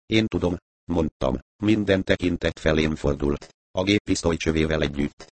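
A man narrating an audiobook in a steady first-person storytelling manner. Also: very deep voice, no room sound.

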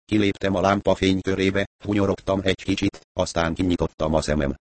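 A man reading a first-person crime novel aloud in a dry, wry, even storytelling manner. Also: deep voice, a little hiss or hum. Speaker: audiobook narrator.

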